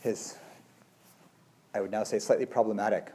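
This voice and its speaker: This is casual conversation from a man in his forties who teaches meditation, wandering thoughtfully and leaning on "you know" and "like." He speaks at normal speed in a fairly low, steady, warm voice.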